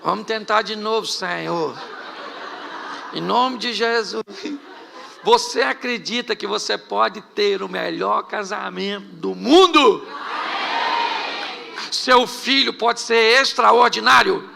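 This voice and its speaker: Slow and high-pitched, with a creaky voice and long pauses, a middle-aged pastor from Rio de Janeiro, Brazil preaches a lighthearted sermon in Carioca Portuguese, mixing comic stories with rhetorical questions. Crowd noise and other background noise fill the church hall around him.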